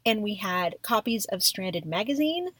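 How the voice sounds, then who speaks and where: A woman's voice: mid-range voice, expressive, normal speed, fairly bright tone, dry recording, distant mic. Effusive woman podcaster with mouse clicks behind. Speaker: podcast co-host. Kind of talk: casual podcast talk, reading out a list. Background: computer mouse clicks.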